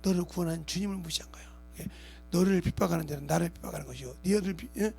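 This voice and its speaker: A man's voice: high-pitched, very fast, gravelly, a little mellow, slightly rough, soft background music. A man preaching a sermon as pastor of his church, emphatic, acting out imagined speakers and asking the congregation rhetorical questions. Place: church sanctuary.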